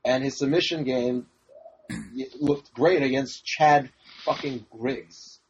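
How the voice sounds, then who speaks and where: A man's voice: medium pitch, steady tone, slow, muffled recording, slight background noise. A man on a podcast panel giving blunt, profane fight predictions in casual chat.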